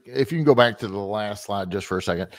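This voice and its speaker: A man's voice: on the low side, quick pace, no echo, clean studio sound. A man hosting a webinar, breaking in to ask short clarifying questions. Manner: brief interjections, asks clarifying questions. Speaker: webinar host. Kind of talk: casual chat.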